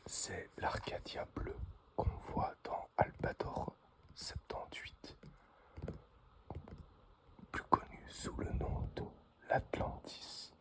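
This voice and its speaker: Man whispering very slowly, right in your ear. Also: low-quality recording. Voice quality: breathy unvoiced whisper. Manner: slow, halting short phrases. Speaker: unboxing video host. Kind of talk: whispered ASMR unboxing.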